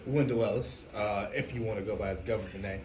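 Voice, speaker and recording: A man hosts a relaxed podcast and keeps things moving with teasing jokes. His voice rings in an echoey room with clear background noise. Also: fairly low pitch, fast talker. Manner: teasing, hosting banter. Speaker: podcast host. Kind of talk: casual chat.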